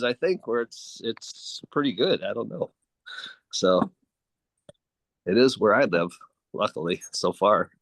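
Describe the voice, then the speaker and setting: A man's voice: on the low side, no room sound. A man from Ohio speaking in an online group discussion, rambling and hesitant, with many fillers and restarts. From Ohio, USA. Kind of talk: casual chat. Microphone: video call.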